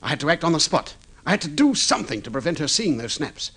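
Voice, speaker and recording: A fairly high, husky, fairly bright voice with big pitch swings and a fast pace gives a full character performance. The actor portrays a guilty, agitated husband in an old radio drama, confessing anxiously and pleading earnestly while flustered, hesitant, and repeating himself. The vintage recording sounds slightly muffled.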